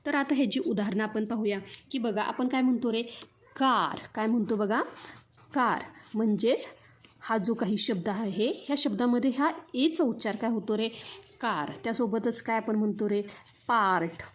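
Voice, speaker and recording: A woman's voice: fairly high pitch, darkish tone. A young woman teacher with a Marathi accent, explaining sounds to pupils and often repeating her questions. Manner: repeats questions to students, spells out sounds slowly. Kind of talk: classroom lesson explaining English vowel sounds.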